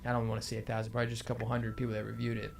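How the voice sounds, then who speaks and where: A man's voice: medium pitch, monotone, rapid-fire, gravelly. A man chatting casually as a pipe tobacco reviewer, hesitating and correcting himself as he goes. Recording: music playing behind.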